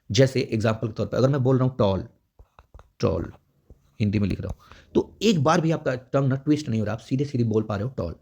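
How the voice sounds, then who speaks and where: A man with a medium-pitched, slightly mellow voice teaches a grammar lesson for exam prep. He explains things step by step and keeps checking in with frequent "theek hai"s.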